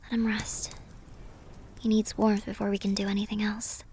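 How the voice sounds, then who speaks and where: In a cinematic audio roleplay, a woman plays a gentle, mysterious siren, guarded and wistful, speaking softly and carefully and often drifting into a breathy whisper. Her mid-range voice keeps a level tone and sounds natural. The mood is hushed and caring, with a little hiss or hum in the recording.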